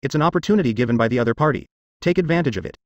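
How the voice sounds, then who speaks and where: A man voicing a calm, all-powerful immortal lord who speaks in an unhurried, assured way. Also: mid-range voice, no echo, highs cut off, natural voice.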